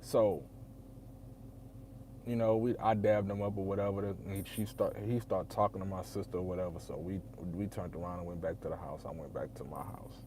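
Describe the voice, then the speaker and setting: A man's voice: low-pitched, steady tone, moderate pace, mellow, a little hiss or hum. A man, telling a personal story in a loose, rambling way full of fillers. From Texas. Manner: rambling, full of fillers and "you know what I'm saying". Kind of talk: casual storytelling.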